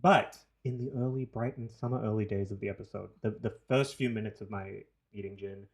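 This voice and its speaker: Speaking a little fast in a lowish, steady voice, this Kiwi podcast co-host keeps the chat casual. He jumps from topic to topic and swears freely, with a clear New Zealand accent.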